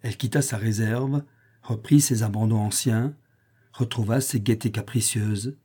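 Audiobook narrator, male, mellow and husky, measured literary reading. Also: on the low side, steady tone. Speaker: audiobook reader. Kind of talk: scripted narration.

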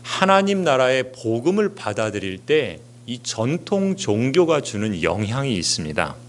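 A middle-aged man preaching a sermon as pastor, lively and questioning his listeners. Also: mid-range voice, normal speed. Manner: animated preaching with rhetorical questions.

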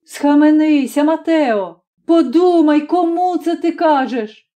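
A woman voicing a desperate middle-aged mother who cries out in a high, trembling, pleading voice in a storybook reading. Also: fairly even intonation, drawn-out words, darkish tone, exaggerated voice. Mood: frantic.

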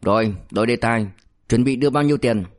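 A man's voice: medium pitch, quick pace, close to an everyday voice. A man doing a sly, bullying cop. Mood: scheming. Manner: mocking, threatening, crude. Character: cynical, bullying male cop, sly and menacing.

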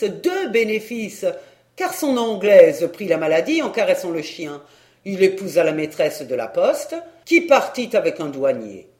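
A reader voicing a gruff, swearing old country squire in an audiobook, speaking loud and boastful. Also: mid-range voice, lightly acted. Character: blustering old Breton country squire, the uncle. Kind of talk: audiobook character voice.

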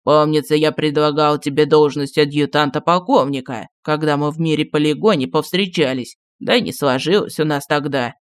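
Мужчина-чтец аудиокниги озвучивает старого маршала в отставке, неторопливого и ворчливого, который вспоминает былое. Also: male voice, steady tone, smooth, dry recording, close to an everyday voice. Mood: reminiscing. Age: older. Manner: slow, low, grumbling reminiscence. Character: old retired marshal, gruff, nostalgic, secretive.

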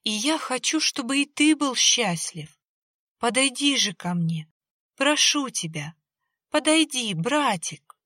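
A woman's voice: on the high side, animated, slow pace, sharp tone, no room sound, clean studio sound, pitched above the performer's own voice, full character voice. Woman doing a rustling ghost girl, pleading. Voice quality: rustling, childlike. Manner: coaxing, insistently pleading. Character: ghostly little girl spirit, wheedling and pleading. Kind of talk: audiobook character voice.

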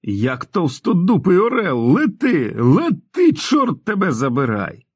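A man voicing a reckless, crude young male punk who swears, shouts and turns quietly menacing. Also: mid-range voice, normal speed, no room sound, clean studio sound, natural voice. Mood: raging.

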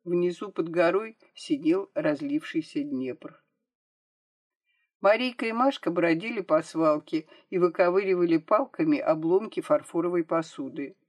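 A woman narrating an audiobook with a measured, expressive reading. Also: on the low side.

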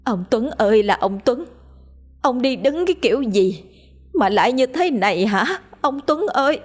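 A woman's voice: medium pitch, expressive, measured pace, faint music behind. A woman voicing a distraught elderly village widow who cries out in disbelief. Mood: wailing.

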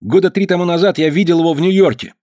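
A man's voice: high-pitched, fast talker, darkish tone, no room sound, studio quality, pitched above the performer's own voice, natural voice. A man reading aloud, voicing an eager, easily amazed young boy. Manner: eager, exclaiming. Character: excited wide-eyed young boy.

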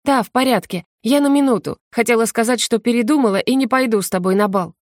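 A woman reading an audiobook and voicing a proud young sorceress who is sharp, indignant and close to tears. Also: on the high side, fast talker, no room sound, pitched above the performer's own voice, natural voice. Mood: cool, curt.

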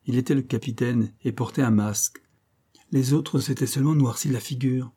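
Un homme qui joue un contremaître calme et rusé, dans un livre audio. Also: male voice, mid-range voice, moderate pace, breathy edge, close to an everyday voice. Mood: sly. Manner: calm, sly. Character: calm sly male mill foreman.

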